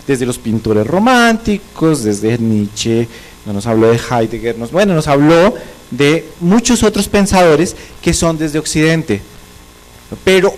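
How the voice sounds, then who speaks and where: Fairly high-voiced man, reflective academic. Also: darkish tone, poor audio. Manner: measured, philosophical, speaks in short halting phrases. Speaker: discussant in a seminar.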